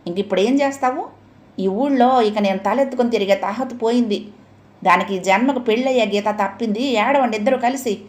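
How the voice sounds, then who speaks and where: A woman's voice: a little high, fairly quick, close to an everyday voice. Brief: woman doing an irritable, sarcastic middle-aged father for an audio story. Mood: scolding. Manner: sarcastic, scolding.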